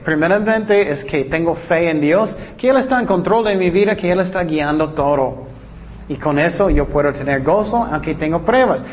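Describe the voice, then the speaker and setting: A man preaching a sermon, repeating key words for emphasis and reading scripture slowly and deliberately. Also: sits high, in a large hall. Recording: dull lo-fi recording.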